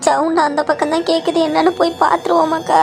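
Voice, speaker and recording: Cartoon role, played by a woman: a timid young village woman, high and monotone, light music under it. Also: quick pace, creaky. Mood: scared. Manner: fearful, pleading. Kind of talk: cartoon voice acting. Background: background music.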